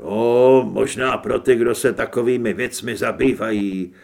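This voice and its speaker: A man's voice: mid-range voice, gravelly, voice pushed down. A male narrator voicing a gloomy middle-aged man who grumbles sullenly. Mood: grumbling.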